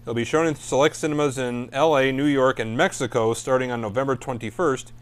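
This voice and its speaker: A man's voice: mid-range voice, steady tone, fairly quick, smooth. A man hosting a casual talk show, reading entertainment news stories and adding casual asides. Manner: reads stories, then adds casual asides. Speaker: host.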